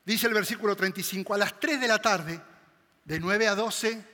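Dramatic preacher in a reverberant hall. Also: male voice, high voice, normal speed. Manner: dramatic, swings between loud and hushed. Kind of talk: sermon.

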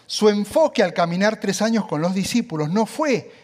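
Animated preacher man. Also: high voice, normal speed. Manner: animated, emphatic, conversational asides. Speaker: pastor. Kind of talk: sermon.

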